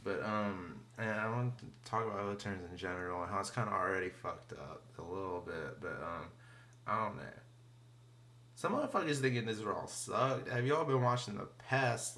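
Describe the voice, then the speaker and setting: A man's voice: fairly low pitch, vocal fry, fairly bright tone, slight background noise. A man rambling through a casual wrestling review, profane and slangy, full of fillers and often trailing off into mumbles. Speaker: wrestling vlogger.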